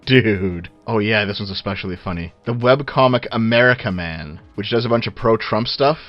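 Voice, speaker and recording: A man giving sarcastic, profane commentary, his voice muffled by low-sample-rate audio. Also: moderate pace, faint music behind. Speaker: online commentator. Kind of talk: casual scripted commentary.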